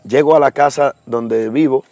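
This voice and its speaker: A man's voice: medium pitch, moderate pace, gravelly, darkish tone, no room sound, soft background music. Earnest man telling his testimony. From Dominican Republic. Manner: earnest storytelling, acts out voices. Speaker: guest giving a testimony. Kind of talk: personal testimony.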